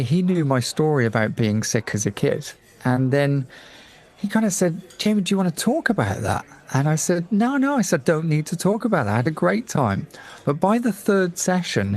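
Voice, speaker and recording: A middle-aged Englishman appears as a guest on a radio talk show, recounting a personal story with lots of energy. His voice sits at a medium pitch, and he acts out the voices of the people he quotes.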